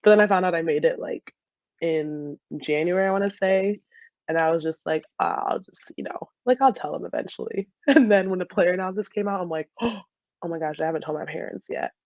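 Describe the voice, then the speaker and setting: A soccer player in her twenties, with an American accent, chats casually as a podcast guest, giggling and telling animated stories full of quoted dialogue. Her voice is lowish and fairly quick, and the recording is dry and muffled.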